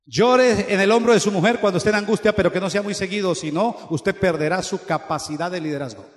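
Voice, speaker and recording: A male pastor delivers an impassioned, exhorting sermon, pressing his points by repeating them. His voice sits unusually high for a man. The sound rings through a church hall with a long, roomy reverb. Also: brisk. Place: church sanctuary.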